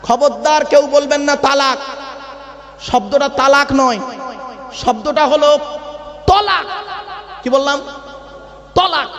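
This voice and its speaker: High-voiced preacher, echoing hall. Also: male voice, fairly bright tone. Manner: teaches pronunciation, chanting Quranic verses and quizzing the crowd. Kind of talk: sermon. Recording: long echoey reverb of a large venue.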